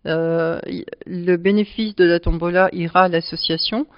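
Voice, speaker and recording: A woman who presides over a charity club, answering interview questions at length and pausing often to find her words. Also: fairly low pitch, fairly even intonation, no echo. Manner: explanatory, speaks at length with frequent hesitations. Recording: dull lo-fi sound.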